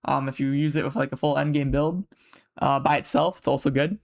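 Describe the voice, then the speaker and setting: Young guy streaming from his bedroom, kinda high voice, rambly and fast, swears a lot. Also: fairly even intonation, vocal fry. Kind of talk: casual live-stream chat.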